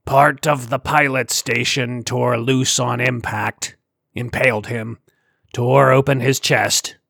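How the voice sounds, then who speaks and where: A man voicing a slow, growling male alien crewman who speaks in a halting, formal way. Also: mid-range voice, steady tone, vocal fry, pushed and bright, no echo, studio quality, exaggerated voice. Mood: grave.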